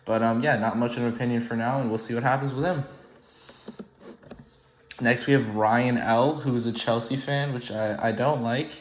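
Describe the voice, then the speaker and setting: This young man, born in the UK, has a mid-range voice with fairly even intonation and a moderate pace. Hosting an online game, he rambles along casually, unscripted, with many ums and false starts, in an echoey room with poor sound quality.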